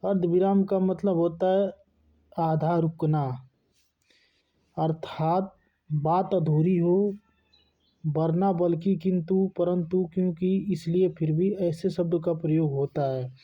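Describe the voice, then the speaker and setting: A man's voice: fairly high pitch, steady tone, takes it slowly, long pauses. A man teaching a lesson, asking questions and answering them himself. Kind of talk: classroom lesson. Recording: dull lo-fi recording.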